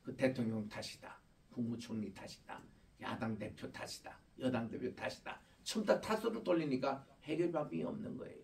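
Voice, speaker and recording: A man's voice: mid-range voice, sing-song, brisk, vocal fry, darkish tone, recorded from a distance. A male pastor giving a conversational sermon, explaining points by asking questions and quoting children. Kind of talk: Christmas sermon.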